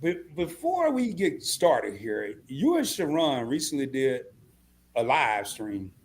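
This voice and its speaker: A man in his forties from Southeast Arkansas, hosting a live stream interview with animated, chatty storytelling. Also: medium pitch, slow, slight background noise. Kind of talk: casual interview chat.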